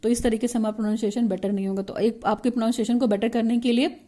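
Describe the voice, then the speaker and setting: A woman teacher giving an explanatory lesson, asking herself questions, restarting words and reading out English lines slowly. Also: fairly high pitch, little pitch movement, mellow. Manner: mixes Hindi with slow, drawn-out English read-outs; frequent self-questions and restarts.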